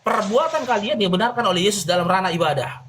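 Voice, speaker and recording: A woman hosting a live-streamed religious debate, talking in forceful, rhetorical bursts of repeated contrasts. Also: medium pitch, expressive, fast, slight background noise.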